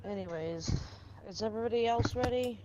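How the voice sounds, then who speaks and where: Hosting a laid-back gaming stream, a woman with a slightly high voice talks fairly quickly, giving each player a playfully grand, tongue-in-cheek introduction. The audio is dull, with faint noise in the background.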